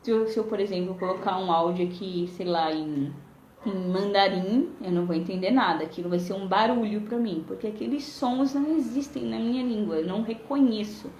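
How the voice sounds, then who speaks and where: A woman's voice: mid-range voice, a little fast, a little mellow, echoey room, slight background noise. A woman English teacher with a Brazilian Portuguese accent, giving a chatty live lesson and checking in with "né?" and "tá?". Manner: chatty, explains with many "né?" and "tá?" tags. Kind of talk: live-streamed language lesson. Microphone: phone or webcam.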